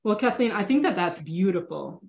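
A rabbi in her thirties teaches an online class from her home study, answering chat questions in a casual lecture over a laptop webcam video call. She has a cold and sounds sniffly, and her medium-pitched voice has vocal fry. She speaks at a normal speed in an animated, thoughtful way, often restarting sentences while engaging warmly with participants. The webcam audio is roomy.

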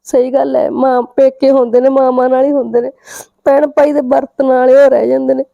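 A woman plays a gentle, hurt married sister. She speaks mildly in a high voice. The recording is somewhat dull. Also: little pitch movement, fairly quick, vocal fry. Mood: plaintive. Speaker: married sister visiting her brother.

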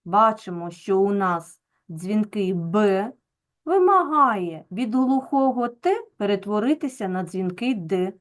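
A woman teacher, explaining a lesson to children slowly and deliberately and repeating each example word with stress. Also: medium pitch, expressive.

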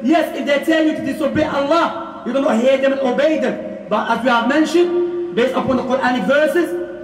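A man in his thirties with an extremely high-pitched voice gives an impassioned Friday sermon in a plain-walled mosque prayer hall, often raising his voice to a shout. He uses a handheld mic on a stand, filmed from across the room, so the sound is distant and echoey.

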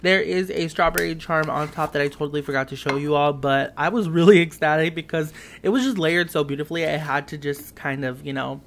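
A man's voice: a little high, brisk, gravelly, hardly any pauses, a bit bright. A man chatting enthusiastically in a casual voice-over as he shows off and reviews slimes. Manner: enthusiastic, gushing, upbeat. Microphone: voice-over over tabletop footage.

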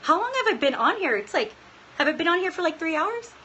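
A woman's voice: extremely high pitch, big pitch swings, fast, sharp tone, slight background noise, rough recording. A woman in her late thirties hosting a casual livestream Q&A for her fans, earnest and emotional, laughing often and close to tears, talking into a phone held close in a small room. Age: 30s. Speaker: livestream host answering fans. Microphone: phone held close, front-facing.

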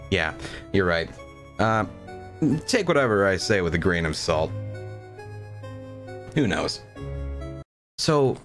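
A young man with a mid-range, slightly bright voice chats casually on a livestream over game music. He's a game streamer, rambling informally and swearing as he tells stories during gameplay.

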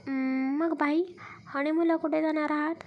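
A woman's voice: high voice, fairly even intonation, normal speed, lo-fi sound. A woman voicing a playful young man who cracks jokes at the newlyweds in a spoken story. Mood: joking. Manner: joking. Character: playful young brother-in-law, joking.

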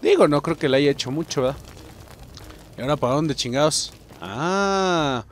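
A young man with a Mexican Spanish accent, commenting on his own gameplay with excitable, profane jokes aimed at his viewers. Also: fairly high pitch, brisk. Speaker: gaming channel host.

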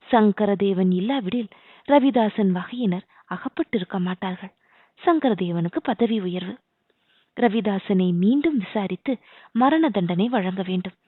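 A woman's voice: mid-range voice, no echo. A woman reading the part of a newly crowned young king, speaking earnestly and tenderly to his beloved. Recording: dry, tinny phone-like sound.

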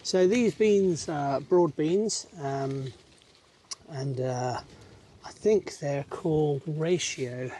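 This allotment gardener and channel host speaks extremely slowly in a voice that's on the high side yet dark in tone and slightly rough. He narrates casually as he works, chatty and relaxed, thinking aloud with frequent fillers.

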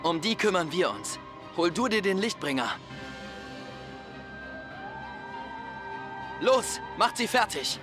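An actor playing a resolute fantasy warrior in a video game, speaking in a stern, accusatory and commanding way. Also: male voice, sits high, sing-song, moderate pace, over music. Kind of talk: dramatic video game acting.

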